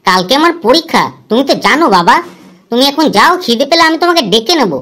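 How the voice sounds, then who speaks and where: A woman's voice: sits high, very animated, fast talker, a bit bright, a little hiss or hum. A woman voicing a boastful young man in a cartoon, bragging while cramming rhymes for an exam. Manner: bragging, reciting rhymes with hums. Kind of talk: cartoon voice acting.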